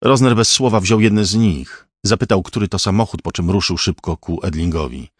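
A man reading a crime thriller aloud as an audiobook narrator, in a measured, even way. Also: low-pitched, breathy edge, no echo, studio quality.

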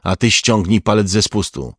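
A man voicing a senior male police officer who gives slow, firm orders in an audiobook. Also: fairly low pitch, lively intonation, fairly bright tone, slightly rough, dry recording, studio quality. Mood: commanding.

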